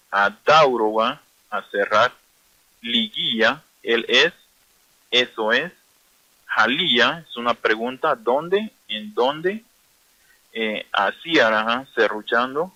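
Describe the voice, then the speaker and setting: A man teaching a language lesson on radio, explaining words slowly and repeating them for learners. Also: medium pitch, sharp tone, no room sound, low-quality recording.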